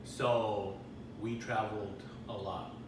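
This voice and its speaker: A man's voice: on the low side, level tone, takes it slowly, far from the mic. A middle-aged man being interviewed, telling his life story casually, rambling with frequent restarts. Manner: rambling, restarts often, chuckles now and then. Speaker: interview guest. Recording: echoey room with background noise.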